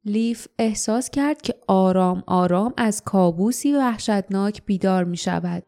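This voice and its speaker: Mellow-voiced woman reading an audiobook. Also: medium pitch. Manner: steady storytelling read. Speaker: audiobook narrator. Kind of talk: audiobook narration.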